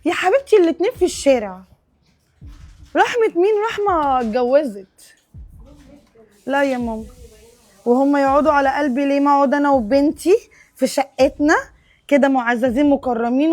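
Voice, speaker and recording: A woman's voice: high voice, darkish tone, lightly acted. A woman playing a spiteful greedy Egyptian wife. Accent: Egyptian Arabic. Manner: scornful, boastful on a phone call.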